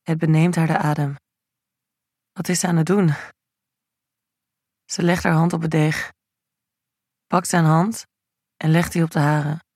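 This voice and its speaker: A man narrating an erotic audio story in a slow, even, intimate reading. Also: fairly high pitch, no room sound, clean studio sound.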